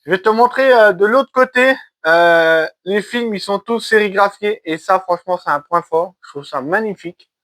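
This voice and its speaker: A high-pitched, bright man chatting through a casual unboxing vlog, full of folksy jokes and banter aimed at his viewers. The sound is close and dry, with no room around it. He rambles cheerfully as he shows off a film collection. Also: moderate pace, dry recording. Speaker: YouTube film collector host. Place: caravan at the end of a garden.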